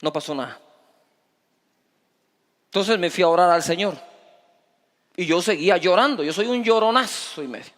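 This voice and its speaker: A high-voiced man preaches a sermon in a large hall. He throws out rhetorical questions and moves between loud and soft. A long reverb trails after his words. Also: moderate pace, long pauses. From Guatemala. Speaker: pastor.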